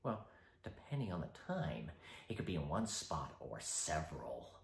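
A man impersonating a film's taunting, unhinged criminal clown villain, mocking, with deliberate pauses and sudden high swoops. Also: very animated, gravelly, a little hiss or hum, exaggerated voice. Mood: quiet taunting. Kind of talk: film character impersonation. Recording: roomy echo.

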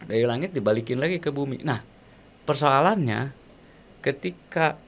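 A man, explaining ideas as an interview guest, animated and often searching for words with fillers. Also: mid-range voice, normal speed. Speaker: guest speaker.

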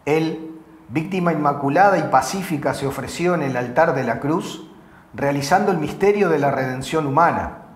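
Cura rezando la misa, tono solemne y medido, capilla pequeña con eco. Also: male voice, a little high. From Uruguay. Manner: solemn measured recitation. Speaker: priest. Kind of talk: liturgical prayer at Mass. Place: small chapel, indoors. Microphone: lapel mic. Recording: echoey chapel.

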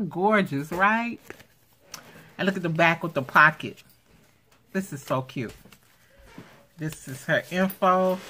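Woman, craft vlog host, gushing, excitable, unhurried, slightly low voice. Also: slightly rough. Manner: gushing, excitable, repeats exclamations. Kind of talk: unboxing vlog. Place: home. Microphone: handheld camera.

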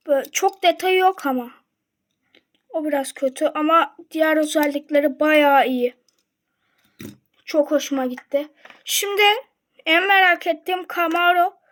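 A young woman talks casually and excitedly to her viewers. She unboxes toy cars and fills the talk with quick reactions and comments. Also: sits high. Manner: chatty and excited, addresses viewers directly.

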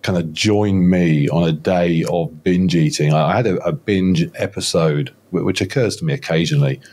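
At a moderate pace, a low-pitched, darkish-toned man of roughly fifty tells his story as a guest in a relaxed podcast interview, rambling, restarting, and putting himself down. He's indoors in a home studio, on a video call with headphones and a close studio mic.

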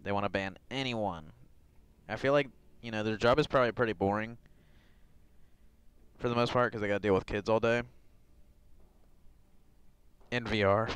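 A man's voice: on the low side, moderate pace, long pauses, clear, resonant tone, no echo, rough recording. A man streaming, rambling casually with lots of fillers and chuckles into a headset mic.

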